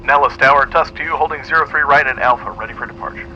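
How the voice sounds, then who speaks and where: A man's voice: medium pitch, quick pace, sharp tone, muffled recording, slight background noise. A man making terse pilot radio calls over a cockpit headset, speaking in clipped aviation phrasing. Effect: pilot radio call over a cockpit headset. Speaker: flight sim player making radio calls.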